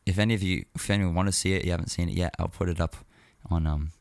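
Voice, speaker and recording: A man with a low voice hosts a casual music show by himself. He talks informally, wandering and pausing as he thinks. The sound is dry and close, with very little room. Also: fairly even intonation, a little mellow, no room sound. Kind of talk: casual solo talk about music.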